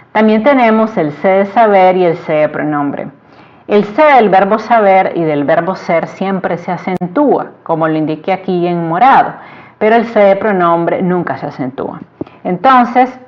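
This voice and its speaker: A woman from Latin America teaching a Spanish grammar lesson, explaining slowly and stressing her example sentences. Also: on the low side. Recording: dull lo-fi sound.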